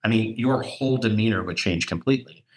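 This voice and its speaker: A man telling real estate sales stories in a casual chat, animated and jumping up in pitch when he quotes people. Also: fast. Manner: animated storyteller, voice jumps up for quoted dialogue. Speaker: real estate broker and podcast co-host.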